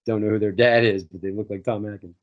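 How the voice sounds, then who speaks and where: A man's voice: lowish voice, steady tone, fast, dull audio. A man co-hosting a podcast, talking casually about a film, swearing freely and acting out quotes. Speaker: podcast co-host. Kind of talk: casual movie chat.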